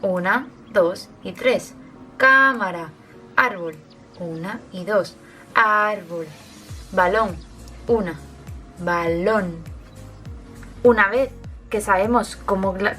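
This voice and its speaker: A woman narrates a scripted lesson as a teacher and explains each point clearly, step by step. She speaks slowly and carefully. Faint music plays underneath her voice. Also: mid-range voice.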